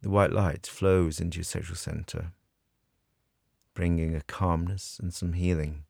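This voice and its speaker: A man guiding a scripted meditation in a soothing, measured way with long pauses. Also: sits low, fairly even intonation, creaky, a little mellow, dry recording, clean studio sound. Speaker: meditation guide. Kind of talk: guided meditation narration, scripted.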